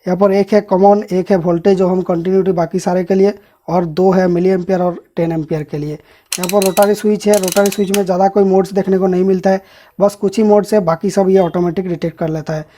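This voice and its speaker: Calm, flat-voiced man reviewing gadgets. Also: sits high, quick pace. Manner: explains while handling the device, addresses viewers as friends. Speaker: host of an electronics channel. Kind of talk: casual product unboxing and review.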